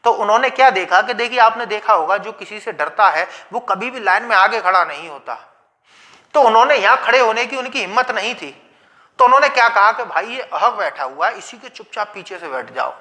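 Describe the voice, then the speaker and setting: A male teacher with a very bright, forceful tone delivers a video grammar lecture. He lays out each point slowly and repeats it. He keeps putting questions to his students and answering them himself. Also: high voice, lively intonation. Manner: slow, patient explaining with repetition.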